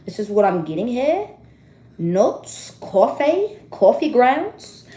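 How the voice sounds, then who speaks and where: A woman giving a casual tarot reading to her viewers, chatty and animated, laughing often and swearing freely. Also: on the high side, slow pace. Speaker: tarot reader. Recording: roomy echo.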